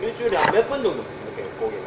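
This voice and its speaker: A man's voice: on the high side, huge pitch swings, racing, far from the mic, background noise. A man with a Gyeongsang Korean accent tossing questions and banter casually over a meal. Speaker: interviewer. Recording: off-mic, echoey room, very loud sizzling.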